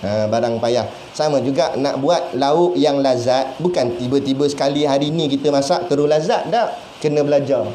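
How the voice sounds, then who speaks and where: A man with a Malaysian Malay accent giving a sermon as a religious teacher. He talks in a lively, conversational way, asking questions and acting out little voices. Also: mid-range voice, normal speed, few pauses. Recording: echoey room with faint background noise.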